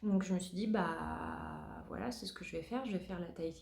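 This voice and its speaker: A woman's voice: fairly low pitch, a little fast, gravelly, darkish tone. A woman hosting a knitting podcast in casual chat, hesitant with many fillers and restarts. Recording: roomy echo.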